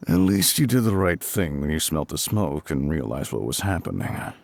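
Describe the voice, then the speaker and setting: In this intimate scripted audio roleplay addressed to the listener, a voice actor plays a gruff, calm, reassuring male fire captain with a very deep, gravelly, husky voice. His delivery is measured and matter-of-fact, heavily acted with a sing-song lilt, and there's no echo.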